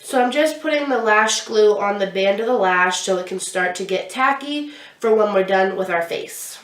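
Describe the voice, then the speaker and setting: A young woman, nose stuffed up by a cold, chats her way through a makeup tutorial, walking through each step while she applies products. Her medium-pitched voice moves at normal speed; the small indoor space with its glittery backdrop sounds roomy, the mic placed somewhat far off.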